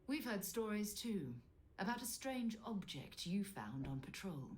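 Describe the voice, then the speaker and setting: An actress playing a composed, businesslike space explorer in a video game, measured and matter-of-fact. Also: female voice, mid-range voice, very animated, slight background noise.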